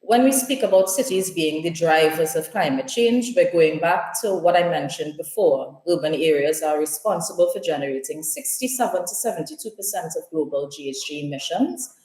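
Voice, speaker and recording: A woman from Trinidad and Tobago, giving a measured, formal conference presentation remotely. Her voice is heard over a video call in a screen recording. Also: low-pitched, animated, a little mellow, echoey room, rough recording. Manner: measured, formal, listing points.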